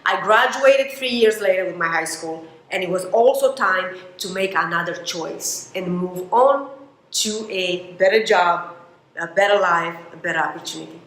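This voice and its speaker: A woman from Romania, giving a motivational talk in an emphatic, expressive storytelling manner. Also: fairly low pitch, normal speed, echoey room, rough recording. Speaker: motivational speaker.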